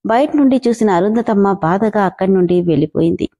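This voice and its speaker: A woman reading a serialized story aloud with gentle, even narration. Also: medium pitch, brisk, highs cut off.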